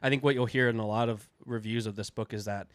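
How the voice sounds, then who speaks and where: This book review host is congested from a cold, so his voice comes out stuffy and nasal, yet it still sounds clear and resonant on a dry recording. He talks fast and loosely in a lowish voice with fairly even intonation, full of fillers and restarts.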